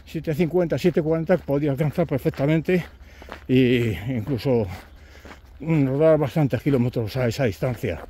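A pilgrim vlogger with a mellow, fairly high male voice talks to the camera while walking a rural trail. He tells chatty anecdotes, chuckling and acting out what his companions said.

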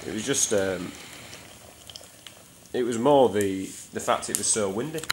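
A man in a stone bothy talking in a relaxed, rambling way with fillers. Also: on the low side, measured pace, a little hiss or hum. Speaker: hiker. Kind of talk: casual chat. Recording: echoey stone room.

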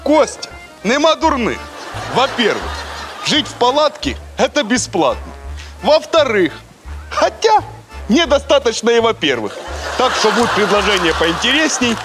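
A man's voice: very high voice, big pitch swings, moderate pace, long pauses, music in the background. An actor playing a smug, greedy, lazy squatter in a comedy sketch, a man teasing with self-satisfaction. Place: outdoor courtyard.

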